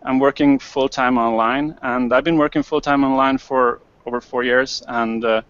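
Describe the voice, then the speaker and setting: A man from Sweden introduces himself earnestly, pausing on fillers. The sound is dry and close, and muffled like a web call. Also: medium pitch, fairly even intonation, fairly bright tone, smooth, dry recording. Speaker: panel guest. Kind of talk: casual self-introduction.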